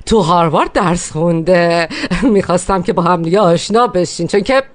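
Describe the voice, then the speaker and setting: A woman voicing a mother in a dubbed TV drama, speaking in a hesitant, measured way. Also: lowish voice, lightly acted. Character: mother announcing a marriage proposal.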